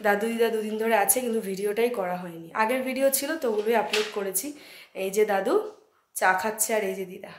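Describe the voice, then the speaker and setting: This casual home vlog features a young woman with a Bengali accent narrating her family day straight into a handheld phone, addressing viewers in a chatty way and softening her voice at times. She speaks quickly in a medium pitch, with slight background noise.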